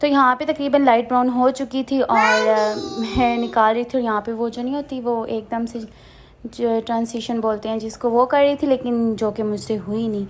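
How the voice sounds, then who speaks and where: A young woman gives a chatty, conversational voice-over, her voice sitting a little high. The home recording carries clear background noise. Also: steady tone, moderate pace. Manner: chatty, conversational, with fillers and asides. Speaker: vlogger. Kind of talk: casual voice-over narration. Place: hot room at home, fan switched off.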